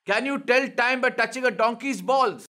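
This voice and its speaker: A man's voice: very high voice, moderate pace, sharp tone. A man playing a pompous Indian TV anchor. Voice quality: pompous, formal. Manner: repeats "sir" constantly, lectures guests. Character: pompous male TV news anchor, self-important. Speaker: mock news anchor. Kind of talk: comedic spoof interview.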